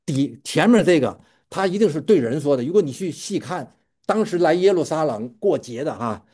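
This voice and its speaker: A man's voice: on the high side, expressive, moderate pace, mellow. A man preaching a sermon in a casual storytelling way, often repeating words as he talks, with chuckling asides and questions put to his listeners. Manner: stammering repetitions, chuckling asides, quizzing listeners.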